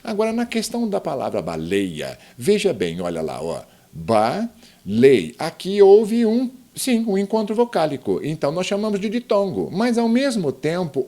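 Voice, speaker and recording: A man gives a grammar lesson, his pitch rising and falling a lot as he explains each point. He walks through it step by step and keeps asking his viewers questions. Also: warm tone. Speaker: grammar teacher.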